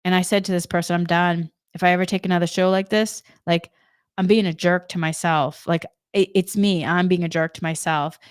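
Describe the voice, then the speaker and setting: Smooth-voiced woman telling a heartfelt story. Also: lowish voice, fairly even intonation, brisk, dry recording, clean studio sound. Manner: casual, emotional, chatty, addresses listeners as y'all. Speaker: spiritual energy coach. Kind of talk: heartfelt personal monologue.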